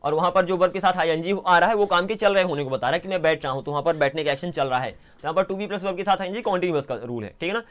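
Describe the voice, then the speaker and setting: A man's voice: sits high, very fast, few pauses. A man with a Hindi accent teaching English grammar in a patient, explaining style, often checking that students follow. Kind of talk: online grammar lesson.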